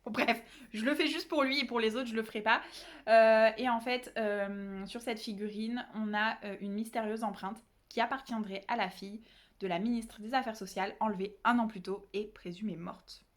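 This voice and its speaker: A woman's voice: a little high, fairly even intonation, moderate pace. A young woman booktuber chatting casually about her reading pile, self-deprecating and full of fillers. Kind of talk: casual book haul chat.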